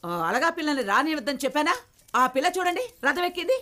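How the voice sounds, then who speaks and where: An actress playing a haughty village matriarch who scolds and commands with open contempt. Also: female voice, high voice, animated, quick pace. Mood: scornful. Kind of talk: Telugu film acting. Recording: film soundtrack with loud music.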